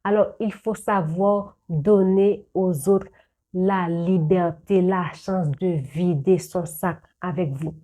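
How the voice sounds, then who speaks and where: A woman's voice: on the low side, steady tone, slow, mellow. A young adult woman giving earnest, lecturing advice straight to her viewers, often repeating words and restarting. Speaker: video creator giving life advice. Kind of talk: direct-to-camera advice talk.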